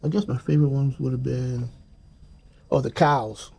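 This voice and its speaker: A man's voice: medium pitch, steady tone, moderate pace, gravelly, darkish tone, husky. An older man in casual chat, laid-back with short answers and dry jokes. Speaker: co-host, husband.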